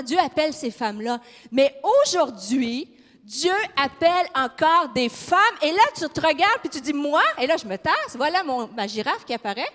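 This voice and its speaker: In a large church hall full of long reverb, a high-voiced woman from Quebec gives a sermon in Québécois French. Her delivery is fiery and emphatic, and she often throws questions to the audience.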